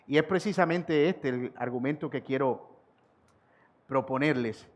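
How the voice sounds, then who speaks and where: A man preaching an expository sermon as pastor, repeating key sentences slowly for emphasis and rising in force on rhetorical questions. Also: mid-range voice.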